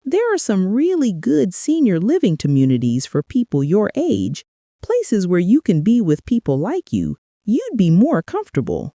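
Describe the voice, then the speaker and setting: Woman voicing a cruel grown daughter, falsely sweet, scornful, warm low voice, dry sound. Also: wildly swooping pitch, moderate pace, no room sound. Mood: condescending.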